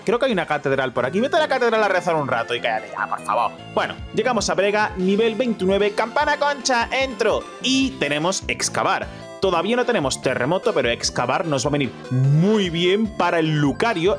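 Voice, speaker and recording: A young man with a Spanish accent from Spain, giving jokey, self-mocking commentary over a game playthrough and talking to his viewers. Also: fairly high pitch. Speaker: gaming YouTuber.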